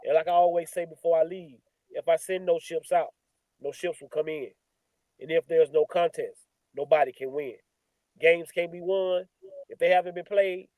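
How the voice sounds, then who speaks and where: Male host, folksy preacher cadence, mellow dark tone, dry close sound. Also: fairly high pitch, fairly even intonation, moderate pace, no echo, low-quality recording. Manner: folksy, repeats phrases like a preacher. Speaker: show host. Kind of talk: closing sign-off, preachy and uplifting.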